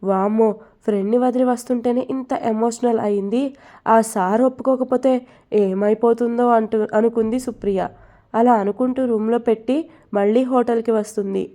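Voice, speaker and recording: Young female storyteller, mellow and a bit high, narrates the story and voices all the dialogue. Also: steady tone, moderate pace.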